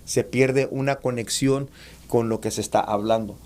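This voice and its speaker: A man giving an online class on public speaking to preachers, calling them brothers, reading comments and demonstrating raised and lowered voice. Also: steady tone, moderate pace. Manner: addresses listeners as brothers, reads out chat comments; demonstrates shouting and lowering his voice. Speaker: preaching instructor.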